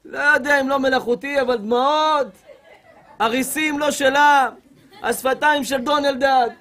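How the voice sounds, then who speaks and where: A man's voice: very high voice, some chatter behind. A man giving a humorous sermon as a rabbi, telling stories animatedly and acting out other people's voices. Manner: animated comic storytelling, acts out women's voices.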